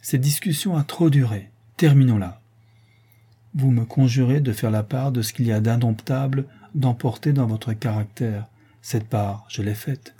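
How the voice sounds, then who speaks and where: A man voicing a young fiancée who speaks softly but firmly, with solemn resolve, in a read-aloud novel. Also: medium pitch, normal speed, husky, close to an everyday voice. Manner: soft yet resolute, solemn. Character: young woman, gentle but firm fiancée.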